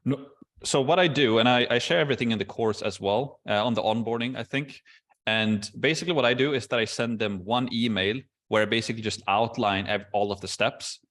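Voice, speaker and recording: A man hosting a casual Q&A video call, explaining processes step by step in a relaxed way with many fillers. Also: mid-range voice, fairly quick. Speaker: course host answering questions.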